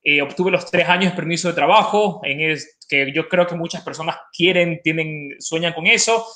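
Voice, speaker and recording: Joining a webinar by video call from a living room with an open kitchen, a college representative in his thirties talks up his school informally. He has an Ecuadorian accent and a slightly high, pushed, bright voice at a moderate pace, explaining eagerly and repeating words for emphasis. A roomy echo colors the audio.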